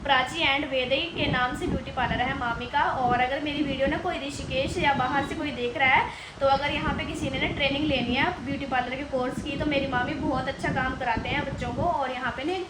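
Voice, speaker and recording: A woman's voice: high voice, steady tone, brisk, hardly any pauses, heavy background noise. A young woman from Uttarakhand, chatting casually to her viewers as she walks around with a phone camera. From Uttarakhand, India. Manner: chatty, addresses viewers directly, calls them bhai. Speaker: vlogger. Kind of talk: casual walking vlog. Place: house and streets in a hill town, indoors and outdoors.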